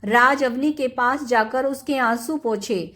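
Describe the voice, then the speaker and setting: A woman narrating a moral family story in a steady, plain reading. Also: high voice, unhurried.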